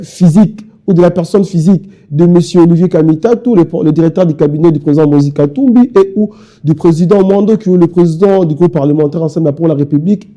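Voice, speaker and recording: A young adult from Kinshasa, acting as a party spokesman, talks on a televised interview with a Congolese French accent. His voice is on the high side and mellow, and he keeps insisting and repeating his points as he speechifies.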